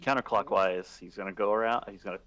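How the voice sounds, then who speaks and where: Low-voiced man playing a tabletop game. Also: steady tone, quick pace, fairly bright tone. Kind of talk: casual chat, describing his character's actions.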